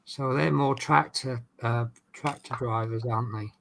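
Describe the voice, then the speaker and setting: The recording is low quality, with a little hiss or hum, as a man with a Norfolk accent from East Anglia, England, chats teasingly while hosting a hobby build stream. His mid-range voice is a bit bright, with vocal fry, fairly even intonation and a measured pace.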